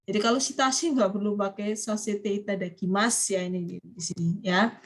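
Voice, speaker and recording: A woman's voice: medium pitch, steady tone, a little fast. A woman teaching a university Japanese class online, prompting students to finish each phrase. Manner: coaxing students to complete phrases. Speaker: Japanese language lecturer.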